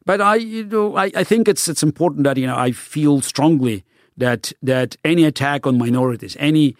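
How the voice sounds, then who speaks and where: This interview guest is a middle-aged man from Baku, Soviet Union, whose first language is Russian. He replies earnestly but often restarts and repeats words as he looks for phrasing. His fairly high voice moves at a moderate pace, captured in clean studio sound without echo.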